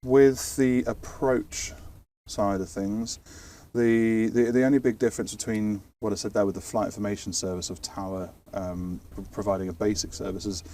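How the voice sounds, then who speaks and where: Recorded on a distant mic with faint background noise and ambience, a British man informally explains technical air traffic control work, stumbling and restarting words along the way. His voice is lowish and dark, with a steady tone and a moderate pace that has hardly any pauses. It's a relaxed, explanatory interview conversation.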